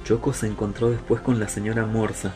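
A man with an Argentine accent reading a children's story aloud, slow and expressive. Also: lowish voice, music in the background. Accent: Argentine Spanish.

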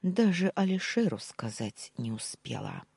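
A frightened young captive woman, tearful and begging, as the woman narrator voices her. The voice is low and husky and swings in pitch. It sounds dry and close in the storybook reading. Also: big pitch swings, unhurried, a little mellow, no echo, heavily acted. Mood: pleading. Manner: pleading, begging.

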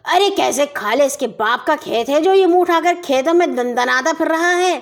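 A woman voicing a grumpy, hot-tempered male farmer in a children's story, grumbling and then shouting in anger. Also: on the high side. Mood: angry. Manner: grumbling, bursts into angry shouting.

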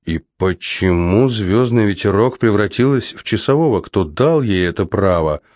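A man narrating a first-person fantasy audiobook in a measured, steady manner. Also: on the low side, no room sound, clean studio sound.

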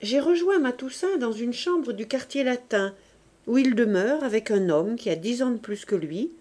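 A woman narrating an audiobook in a measured, expressive way. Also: on the high side. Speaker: audiobook reader.

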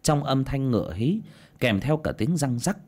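A man narrating a folk tale with an expressive, dramatic storytelling delivery. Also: mid-range voice, moderate pace.

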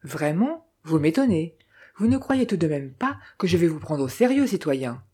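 A reader voicing a cultivated gentleman thief who talks with cool, scornful irony. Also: medium pitch, big pitch swings, moderate pace, husky. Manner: sardonic, coolly ironic.

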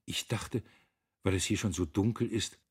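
A man voicing a snobbish, teasing young woman, husky and condescending. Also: lowish voice, normal speed. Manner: condescending, sly.

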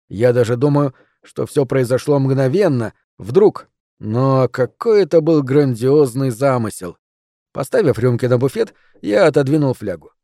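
A man narrating a story in the first person, in measured, expressive audiobook style. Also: mid-range voice, no room sound, studio quality.

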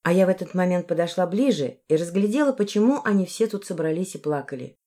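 A woman narrating a fantasy novel in the first person with expressive phrasing. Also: fairly low pitch, fast. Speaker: audiobook narrator.

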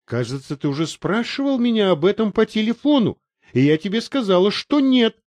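A man's voice: high-pitched, very animated, darkish tone, no echo. A man voicing a scornful woman publisher. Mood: incredulous. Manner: scornful, cutting, quick to anger. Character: haughty middle-aged woman publisher, sharp-tongued. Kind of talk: audiobook character reading.

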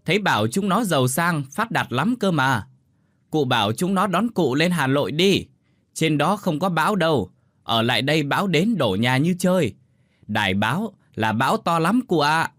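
A man voicing a loud, bossy elderly village woman who shouts and fusses at her deaf neighbor in an audio story. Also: medium pitch, big pitch swings, a little fast, no room sound, studio quality, pitched above the performer's own voice, natural voice. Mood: urgent shouting. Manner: shouting, urgent, scolding.

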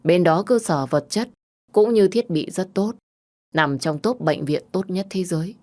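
A brisk, matter-of-fact hospital doctor with quick, formal, clinical speech, as a woman storyteller puts the part on. The voice stays low and even. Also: natural voice.

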